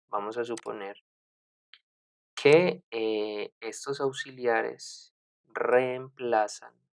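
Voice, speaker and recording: A man with a low, gravelly voice teaches a grammar lesson. He is recorded close and dry, with no room sound. He explains slowly, repeats himself and often checks that the class is following. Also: dry recording. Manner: deliberate, repeats points and checks with "¿cierto?"; frequent fillers and self-corrections. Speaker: English teacher.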